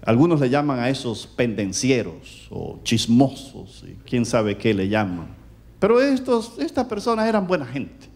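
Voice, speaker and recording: Loud, animated Caribbean preacher man. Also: measured pace. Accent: Caribbean Spanish. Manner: animated, loud, swings between booming and hushed. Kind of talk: sermon.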